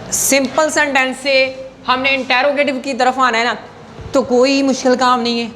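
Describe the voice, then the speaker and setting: A man's voice: very high-pitched, a bit bright, a little hiss or hum. A man teaching an English grammar lesson in class, patient and coaxing, often checking whether students follow.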